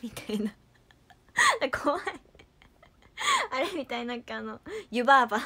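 A young woman casually chatting on a livestream, reading viewer comments with playful giggles and trying quick cartoon impressions. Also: a little high, sharp tone. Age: young adult.

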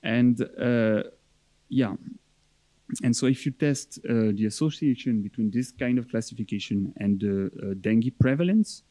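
Young male researcher for a conference talk: mellow, measured and hesitant, closely dry recording. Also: medium pitch, dry recording. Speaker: academic researcher presenting. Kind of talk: conference presentation.

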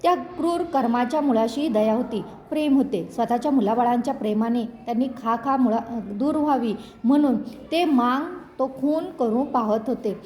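A woman reading a classic story aloud with measured, expressive narration. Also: fairly high pitch.

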